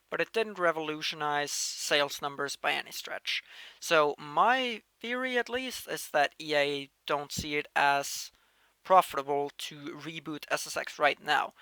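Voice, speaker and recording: A man's voice: on the high side, clear, resonant tone, no echo. A young man from Norway in his late teens, casually answering viewer questions as a channel host, with frequent restarts and bursts of emphasis. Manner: chatty, restarts phrases, lively shifts in loudness. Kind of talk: casual Q&A monologue.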